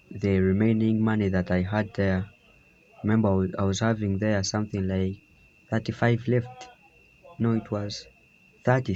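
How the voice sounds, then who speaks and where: A young man from Uganda tells his own story in a low, even voice. He rambles, restarts his sentences, and fills pauses with "yeah." The recording sounds a little dull and lo-fi. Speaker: trading vlogger. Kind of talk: casual personal story. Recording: slightly dull lo-fi.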